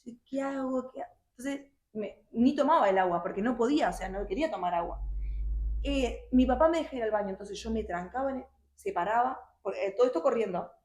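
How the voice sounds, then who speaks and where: A young woman telling her personal testimony in a halting, emotional way with many restarts. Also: fairly high pitch, lively intonation, a little mellow. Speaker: guest sharing her testimony. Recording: roomy echo.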